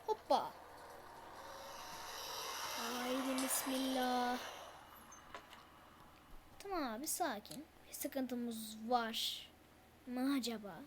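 A young-sounding gamer giving nervous horror game commentary, stammering and muttering prayers to calm down. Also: medium pitch, extremely slow, pauses often, noisy background. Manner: mutters prayers when scared. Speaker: gameplay streamer.

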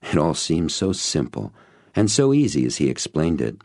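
Very deep gravelly man narrating. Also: normal speed, no room sound, studio quality. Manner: storytelling, expressive. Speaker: audiobook narrator. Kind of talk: first-person audiobook narration.

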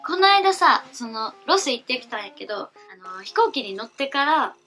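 A young woman in her late teens with a Kansai accent, a newcomer voice actress chatting in a relaxed, giggly, rambling way for her first vlog. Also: high-pitched, moderate pace, faint music behind. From Kansai, Japan. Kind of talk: casual self-introduction vlog.

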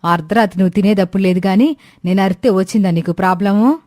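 A woman voicing a bossy, sharp-tongued older mother-in-law in a cartoon story, grumbling and scolding. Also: medium pitch, fast, dry recording, clean studio sound, natural voice.

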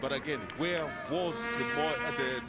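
A man's voice: on the high side, moderate pace, over loud music. A man co-commentating on live football in short, analytical phrases. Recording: loud outdoor stadium background noise.

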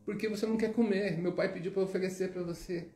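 A man's voice: sits high, fairly even intonation, fast, mellow, pitched above the performer's own voice. A man doing a pleading little boy. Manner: begging, repetitive. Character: small boy of five, pleading and innocent. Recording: roomy echo, faint music.

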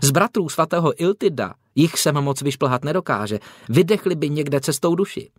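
A man's voice: on the high side, lively intonation, no room sound, studio quality. A man voicing a proud, wary teenage heir who talks in a brusque, growling way, for an audiobook. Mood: scornful. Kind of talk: audiobook character voice.

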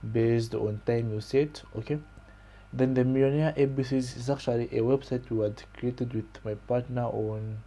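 Dark-voiced young Zambian man explaining. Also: mid-range voice. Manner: plain, explanatory, with frequent "okay" and "so". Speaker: YouTuber explaining his channel. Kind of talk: casual screen-share walkthrough. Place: small room indoors, pink-lit wall behind.

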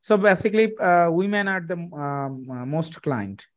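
An animated Bangladeshi man, a freelance digital marketer, pitches to a client on a video call through his headset. Speaking from a small indoor room, he halts often, with plenty of fillers and false starts.

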